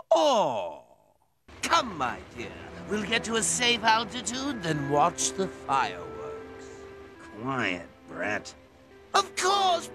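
An actor voicing a manic, theatrical male clown supervillain in an animated series, giggling and swinging from purrs to shrieks. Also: very high-pitched, heavily acted. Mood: gleeful menace. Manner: giggling, sing-song, swings from purring to shrieking. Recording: loud cartoon soundtrack music under the voice. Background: orchestral score and sound effects.

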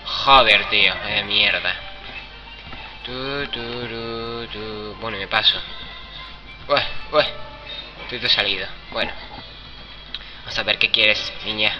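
A man's voice: on the low side, fairly even intonation, measured pace, long pauses, low-quality recording. Crude joking Spanish gamer man. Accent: Spain Spanish. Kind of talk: let's play commentary. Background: video game music.

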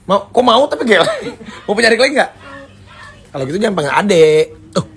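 A woman's voice: mid-range voice, sing-song, a little fast, vocal fry. A woman exclaiming fondly over small children in a casual home video. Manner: fond, exclaiming over the kids. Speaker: family member with the children.

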